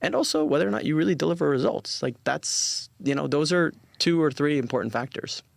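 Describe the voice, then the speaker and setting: As a guest in an interview, a forty-year-old influencer marketing company founder talks casually but earnestly, with emphasis, repeated words and acted-out quotes. His gravelly voice sits on the high side and moves fairly quickly, in a dry recording.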